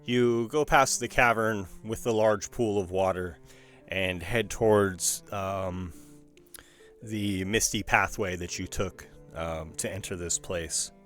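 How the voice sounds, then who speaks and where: Lower-voiced man narrating as game master. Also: fairly even intonation, slow pace, a bit bright, soft background music. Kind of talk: narrating a tabletop fantasy game.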